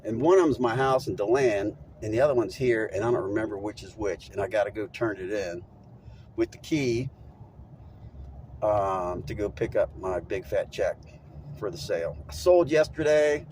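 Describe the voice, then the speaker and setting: A man's voice: on the low side, normal speed, darkish tone, slight background noise. A middle-aged man vlogging as he drives, telling a rambling, chatty story and laughing at it. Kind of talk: casual storytelling monologue while driving. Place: inside a moving vehicle.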